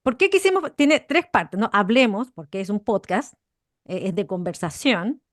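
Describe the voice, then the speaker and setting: A woman co-host talks in a lively, conversational way, leaning hard on the words she wants to stress. Her voice sits at an ordinary middle pitch. The recording is close and dry, with almost no room sound. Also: moderate pace, no room sound. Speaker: podcast co-host. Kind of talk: conversational explanation.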